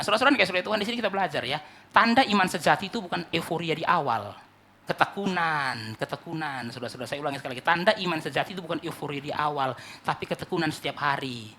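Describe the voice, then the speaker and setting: A male pastor preaching an animated sermon, often calling out to the congregation and mimicking churchgoers. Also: high-pitched, gravelly.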